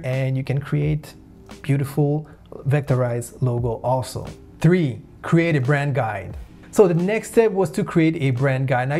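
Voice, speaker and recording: A man's voice: fairly high pitch, dark tone. A man hosting a tutorial, talking in a chatty, upbeat way straight to his viewers. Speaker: host of a design tutorial channel. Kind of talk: casual tutorial narration.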